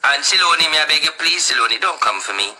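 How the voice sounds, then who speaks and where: Sharp-voiced Jamaican man vlogging. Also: a little high, expressive, quick pace, poor audio. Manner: rambling, talks straight to the people he discusses. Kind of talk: casual commentary.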